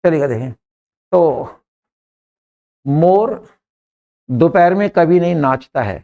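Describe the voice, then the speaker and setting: A man's voice: fairly high pitch, lively intonation, slow, highs cut off. A man teaching an English grammar lesson in a classroom, repeating words and often checking that his students understand.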